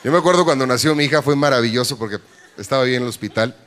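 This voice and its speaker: A man with a Mexican accent doing a bawdy stand-up comedy routine on a live stage, jumping into shrill high voices for punchlines. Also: rapid-fire. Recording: live stage with audience crowd and noise.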